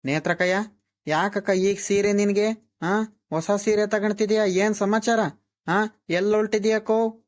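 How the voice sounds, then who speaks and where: A woman's voice: mid-range voice, fairly even intonation, lightly acted. A woman voicing a practical young daughter-in-law in a village cartoon, with a matter-of-fact manner. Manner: matter-of-fact, listing, drawn-out fillers. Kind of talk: cartoon voice acting.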